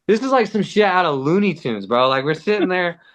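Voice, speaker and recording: A man's voice: high-pitched, animated, fairly quick. A man from the US–Mexico border region, a podcast guest, telling a story in a loose, slangy way, full of "like" and swearing. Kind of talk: casual storytelling.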